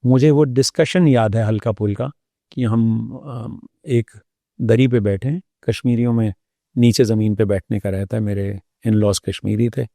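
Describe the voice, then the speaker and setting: A man, a doctor, telling his personal story as an interview guest, thoughtful and unhurried, with pauses and hesitations. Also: on the low side, fairly even intonation, creaky, warm tone, dry recording, studio quality.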